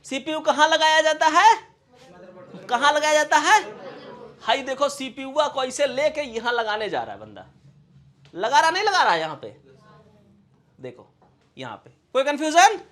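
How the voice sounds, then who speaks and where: A man leads a classroom-style computer lesson, his voice sitting unusually high. He asks quick check questions again and again to make sure everyone follows. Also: very animated, bright, forceful tone. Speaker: computer teacher.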